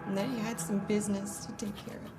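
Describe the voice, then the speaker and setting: A woman playing a guarded, uneasy and bitter interviewee under police questioning in a drama, halting and defensive. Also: mid-range voice, level tone, heavy background noise, close to an everyday voice. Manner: halting, defensive, emotionally charged. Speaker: actor. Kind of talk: dramatic interrogation scene acting. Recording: distant voice under loud music. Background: loud music.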